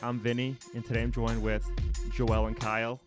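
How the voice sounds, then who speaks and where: A man's voice: mid-range voice, little pitch movement, normal speed, over music. A man hosting a casual podcast, joking and teasing his co-hosts on a studio microphone. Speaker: podcast host. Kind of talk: casual chat. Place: small office room.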